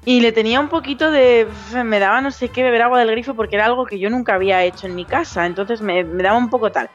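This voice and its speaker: A woman's voice: fairly high pitch, fast, lo-fi sound. Chatty woman from Zamora, Spain. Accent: Zamora Spanish. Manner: chatty storyteller, quotes others in lively voices. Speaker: podcast co-host. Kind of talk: casual chat.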